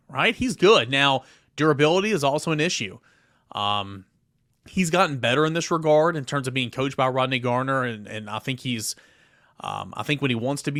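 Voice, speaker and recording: A man hosting a casual sports podcast countdown, chatty and emphatic, with many fillers and quick self-corrections. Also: fairly high pitch, fairly bright tone, no room sound, studio quality. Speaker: podcast host.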